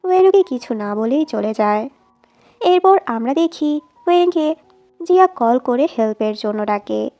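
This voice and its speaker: A woman narrating a drama plot in a steady storytelling read, quoting each line of dialogue. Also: high voice, unhurried, soft background music.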